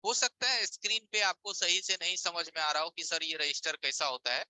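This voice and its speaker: A man's voice: a little high, brisk, pushed and bright, low-quality recording. A man teaching a live online repair class, explaining with everyday examples and rhetorical check-in questions over a screen share. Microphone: voice-over on a screen-share stream.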